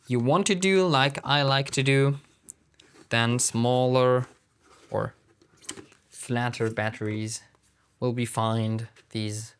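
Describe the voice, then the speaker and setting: A man with a German accent giving casual unboxing commentary, thinking aloud in halting phrases as he handles gear. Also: mid-range voice, smooth. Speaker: product reviewer.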